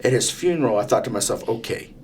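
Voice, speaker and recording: A man's voice: mid-range voice, expressive, quick pace, darkish tone, a little hiss or hum. A man of fifty, co-hosting a podcast, talking earnestly in long stories with many restarts. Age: 50s. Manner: earnest, repetitive restarts, storytelling. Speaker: podcast co-host. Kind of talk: casual podcast conversation.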